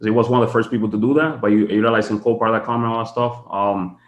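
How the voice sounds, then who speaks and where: Male guest from the Dominican Republic, quick and chatty, roomy call audio. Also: fairly low pitch, fairly even intonation, highs cut off. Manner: fast, chatty storytelling with many fillers. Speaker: guest, tax strategist. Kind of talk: casual podcast interview. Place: home office.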